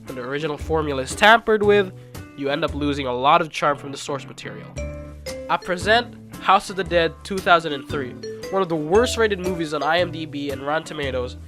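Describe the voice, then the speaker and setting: A video essayist narrates expressively and fairly quickly in a medium-pitched voice. The tone is casual, informal and self-deprecating, like a loose script being read, with background music playing behind the voice.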